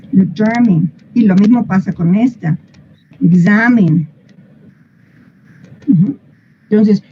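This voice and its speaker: A woman's voice: sits high, mellow, dull audio, a little hiss or hum. A woman, explaining English pronunciation to a class in a patient, playful way and asking them questions. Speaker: English teacher.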